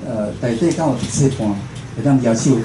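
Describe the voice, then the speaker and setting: A radio host and programme producer with a Taiwanese accent gives an informal, chatty talk to a seated indoor audience, often ending phrases with a small confirming tag. His mid-range voice is brisk, and the recording has roomy echo and faint background noise.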